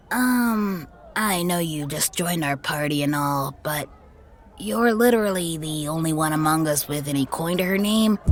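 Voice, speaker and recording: A brash griffin ranger. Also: female voice, on the low side. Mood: hesitant. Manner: blunt, sarcastic, easily flustered. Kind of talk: audio drama acting.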